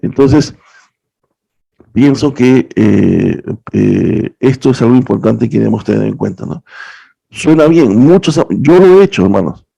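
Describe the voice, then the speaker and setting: A man's voice: mid-range voice, animated, unhurried, vocal fry, dark tone, breathy edge, muffled recording. A young man teaching a class on interpreting the Bible, earnest and explanatory, often checking in with a rhetorical question. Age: young adult. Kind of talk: lecture on biblical interpretation.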